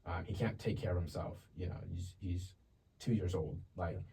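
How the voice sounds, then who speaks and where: A young man from Ethiopia, a podcast guest, sharing his life story in a relaxed, chatty way. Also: deep voice, normal speed, gravelly. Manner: relaxed and chatty, laughs easily. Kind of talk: casual testimony. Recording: distant mic with faint ambient noise.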